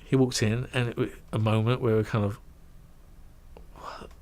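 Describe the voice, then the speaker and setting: Brief: middle-aged Englishman, lowish voice, chatty storyteller who acts out the voices he quotes. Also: fast. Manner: animated, acts out quoted voices, trails off into asides. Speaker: guest recounting his career. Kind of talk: casual anecdotal storytelling.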